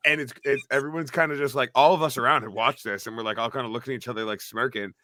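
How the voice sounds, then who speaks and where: A man's voice: mid-range voice, fast, no echo. Young guy on a podcast telling a wild story, lots of swearing, dry close mic. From New Hampshire. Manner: animated, swearing, acts out quotes loudly. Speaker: podcast co-host. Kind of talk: casual storytelling chat.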